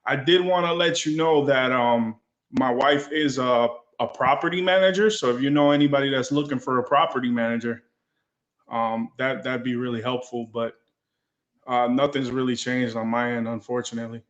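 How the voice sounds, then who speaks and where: A man calling in to a livestream on his phone, his voice echoing back over the line as he speaks in a halting, subdued way. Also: mid-range voice, steady tone. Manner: halting, subdued, repeats himself. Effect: his voice echoes back over the call. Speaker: caller on a livestream. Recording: echoey, muffled phone call audio.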